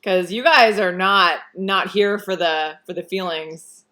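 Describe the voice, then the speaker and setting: A woman's voice: fairly low pitch, a little slow, sharp tone. An American woman hosting a casual chat with an author, talkative and storytelling, with frequent "um"s. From United States. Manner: chatty, many fillers, tells stories. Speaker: host interviewing an author.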